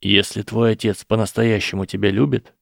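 An earnest young wizard, as a male reader plays him explains his argument slowly and persuasively. His low, gravelly tone stays close and dry, with no room around it. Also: flat delivery, dry recording. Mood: apologetic pleading. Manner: measured, persuasive, slow explaining. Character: earnest boy wizard, calm and reasoning. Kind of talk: audiobook character voice.

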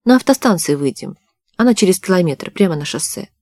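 A woman's voice: fairly low pitch, lively intonation, brisk, darkish tone, no room sound, studio quality, natural voice. A woman voicing a confident young male journalist in an audiobook, curt and condescending.

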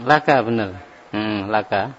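A man leads an Arabic grammar class, stretching each phrase out slowly as he drills it. The recording is muffled and lo-fi. His voice trails off into a long hall reverb. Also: lowish voice. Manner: slow, drawn-out drilling of phrases. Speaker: Arabic teacher.

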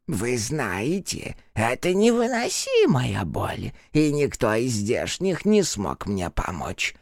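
A man voicing an old cannibal mountain witch who drawls slowly with a sly, mildly menacing calm. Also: mid-range voice, vocal fry, dry recording, clean studio sound, heavily acted. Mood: drawling. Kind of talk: audiobook character voice.

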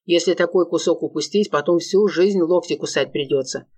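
An audiobook reader voicing a crude, jealous male gangster boss who makes gruff, slangy threats. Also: medium pitch, normal speed, a little mellow, close to an everyday voice. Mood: sullen. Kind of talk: audiobook reading.

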